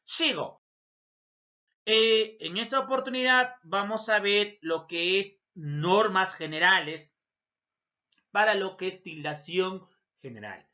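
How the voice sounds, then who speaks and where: A Peruvian man who teaches Spanish gives a recorded grammar lesson, speaking directly to his students and posing their questions himself. His voice is high, bright and forceful, and he takes his time. The recording is dull and lo-fi.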